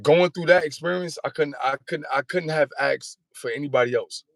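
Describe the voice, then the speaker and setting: A man's voice: on the high side, a little fast, vocal fry, no room sound. A man in his thirties telling his story as an interview guest, rambling in slangy street talk and often asking if you follow. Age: 30s. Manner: rambling, repeats "you know what I'm saying".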